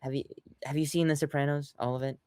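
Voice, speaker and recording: A man's voice: on the high side, fairly even intonation, fast, darkish tone, clean tone, dry recording, clean studio sound. A young man co-hosting a podcast, rambling through casual chat with lots of fillers and restarts, acting out quotes along the way. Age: young adult. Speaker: podcast co-host.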